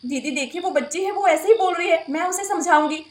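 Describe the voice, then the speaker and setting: A woman voicing a gentle young sister-in-law in a doll story, speaking softly and pleadingly. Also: very high voice, brisk. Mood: worried. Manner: soft, pleading, placating.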